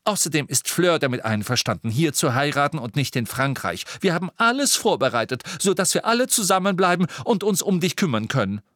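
A man's voice: mid-range voice, sing-song, moderate pace, few pauses, no echo, clean studio sound. A man voicing a fussing, motherly middle-aged witch who pleads and scolds. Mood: pleading.

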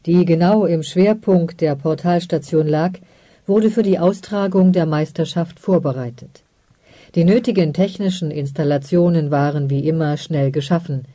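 A woman narrating a science fiction audiobook in a calm, measured way. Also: on the low side, no room sound. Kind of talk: scripted narration.

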